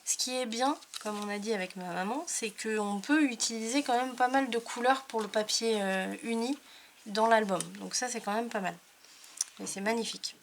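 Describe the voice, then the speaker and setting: A woman's voice: on the high side, moderate pace, a little hiss or hum. Chatty woman showing craft papers. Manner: chatty, hesitant with many fillers. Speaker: scrapbooking YouTuber. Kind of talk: casual product haul talk.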